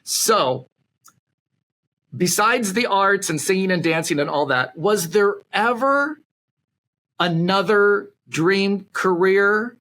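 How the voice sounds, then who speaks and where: Bright-voiced guy hosting an interview, chatty, pokes fun at himself. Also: high voice, expressive, slow. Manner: chatty and self-deprecating, jokes about himself. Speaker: interview host. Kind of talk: casual interview.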